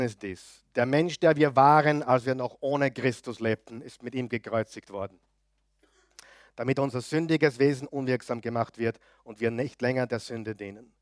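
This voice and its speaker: Male pastor, mid-pitched and emphatic, loud-then-soft preaching, dry close sound. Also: dry recording. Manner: emphatic, swings between loud declarations and quiet asides; asks the audience frequent questions. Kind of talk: sermon.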